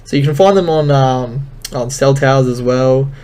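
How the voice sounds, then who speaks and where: A man's voice: mid-range voice, moderate pace, a little mellow, smooth. A man giving a casual technical lesson over slides, explaining loosely with many filler ums. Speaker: instructor.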